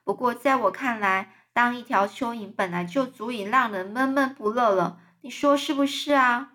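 A woman voicing a gentle, chatty lady ladybug in a storybook reading, speaking softly and confidingly. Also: high voice, expressive, normal speed, pitched above the performer's own voice. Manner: soft, confiding.

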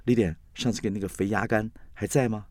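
A man's voice: on the low side, fairly even intonation, fast, background noise, natural voice. A man playing a coaxing young boyfriend.

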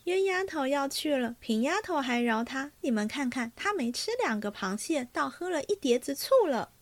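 A woman's voice: sits high, animated, moderate pace, dry recording, voice pushed up. A woman voicing a mocking young maid. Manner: teasing, gossipy.

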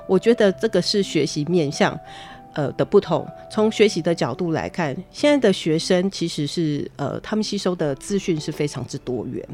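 A woman with a fairly low voice talks through how courses are built, pausing on fillers as she goes. Faint music sits under her speech. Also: expressive, a little mellow. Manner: explanatory, frequent hesitation fillers. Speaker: guest, university digital teaching staff. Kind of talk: conversational interview explanation.

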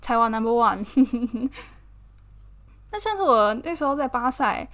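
A woman with a Taiwanese Mandarin accent and a fairly high voice talks in a loose, personal, chatty way. Her delivery is expressive and she laughs easily. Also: a little slow. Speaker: podcast host, model. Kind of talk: casual personal chat.

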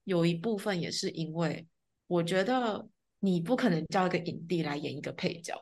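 A woman's voice: on the low side, moderate pace, a little mellow. A woman with a Taiwanese Mandarin accent, talking casually as a co-host in a conversational discussion. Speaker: podcast co-host reviewing TV drama.

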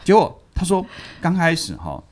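A man's voice: on the high side, moderate pace. A man, casually retelling a story from a book on a podcast, repeating words and laughing as he goes. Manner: animated, repeats words, laughs while telling. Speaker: podcast co-host reviewing a book.

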